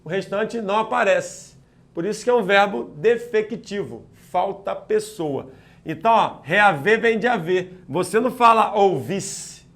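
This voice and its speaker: A male grammar teacher drives through an exam-prep lesson in a high, bright-pitched voice. He talks with punchy energy and checks in with his students after nearly every point. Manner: energetic, peppers talk with quick check-ins to students. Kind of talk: lively exam-prep lecture.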